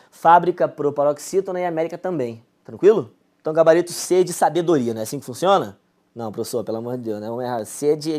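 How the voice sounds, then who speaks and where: A man's voice: high-pitched, darkish tone. A young man with a Brazilian accent teaching a casual, chummy online Portuguese grammar lesson, checking in with "beleza?" again and again.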